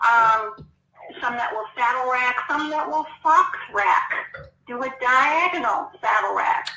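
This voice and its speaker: Bright, frank woman, echoey and distant. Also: sits high, expressive, unhurried, creaky. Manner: frank, chatty, laughs easily. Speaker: guest horse trainer. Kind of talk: casual interview answers.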